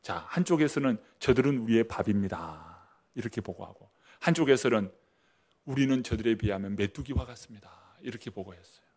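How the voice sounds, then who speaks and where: A middle-aged man preaching a sermon as pastor, with emphatic declarations that drop to hushed asides. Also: lowish voice, expressive, fairly quick, breathy edge. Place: church sanctuary.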